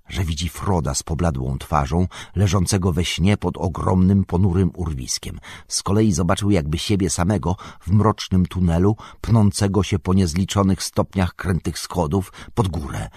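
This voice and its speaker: A man narrating an audiobook in an expressive, measured storytelling manner. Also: deep voice, slightly rough, dry recording, studio quality. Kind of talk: scripted narration.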